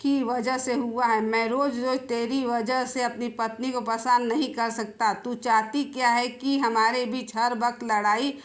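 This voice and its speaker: A woman's voice: a little high, fairly even intonation, measured pace, hardly any pauses, natural voice. A woman voicing a frustrated young husband who speaks firmly, in a storybook tale. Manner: firm, fed up.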